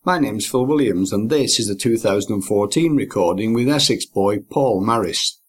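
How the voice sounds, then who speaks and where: A man presenting and interviewing in a measured, articulate way, with carefully worded, scripted-sounding phrasing. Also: lowish voice, husky.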